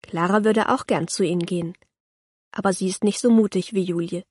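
A woman, reading a children's audiobook aloud in a calm, clear storytelling voice. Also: mid-range voice, fairly quick, dry recording. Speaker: narrator.

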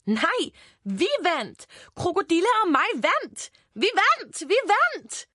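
A woman voicing a bossy, excitable little girl who shrieks and insists. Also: high-pitched, no echo, clean studio sound. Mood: excited.

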